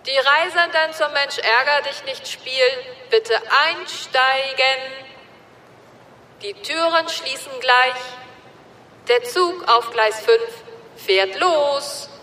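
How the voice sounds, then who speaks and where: A woman voicing a station announcer who calls out over a distant-sounding loudspeaker, slow and formal, in a children's story. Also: high-pitched, a little hiss or hum, pitched above the performer's own voice, full character voice. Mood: announcing.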